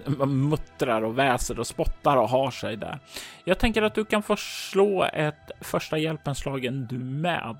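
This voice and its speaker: Faint music sits behind a man running a tabletop RPG session as game master. In a mid-range voice and a measured, calm way, he sets the scenes and asks players to roll dice.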